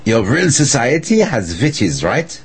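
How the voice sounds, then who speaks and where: A man's voice: medium pitch, sing-song, slow pace, breathy edge, voice pushed up, heavily acted. A man voicing a tyrannical, impatient male dictator in a story, ranting wildly and unhinged. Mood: agitated, demanding. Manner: wild unhinged ranting, screaming like a madman. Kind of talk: dramatised storytelling.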